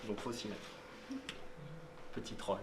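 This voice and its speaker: A man with a fairly low, level voice gives a technical presentation at a meetup, often pausing, using many fillers and making casual asides. The sound is roomy and distant, with faint noise underneath.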